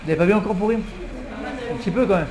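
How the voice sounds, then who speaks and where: A rabbi with a high voice tells the story to a small class in a lively way and plays out the king's pleading. The room rings with echo, and a faint hum runs underneath. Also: rapid-fire. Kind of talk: Purim Torah class.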